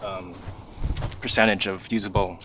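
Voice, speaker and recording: A young man, a first-year farmer, talking casually in his backyard garden while being interviewed, pausing often with fillers as he thinks. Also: deep voice, a little hiss or hum. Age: young adult. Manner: relaxed, thinking aloud with many fillers. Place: backyard vegetable garden outdoors.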